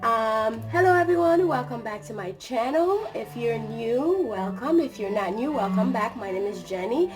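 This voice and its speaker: Hoarse woman with a cold, chatty vlog. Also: a little high, animated, a little slow, few pauses. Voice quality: raspy. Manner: rambling, chatty, many fillers. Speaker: channel host. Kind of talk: casual vlog chat. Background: soft music playing.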